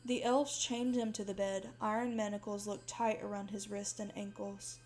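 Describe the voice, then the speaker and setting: A woman's voice: medium pitch, little pitch movement, normal speed, darkish tone. Woman narrating a creepy holiday horror story. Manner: dramatic first-person storytelling.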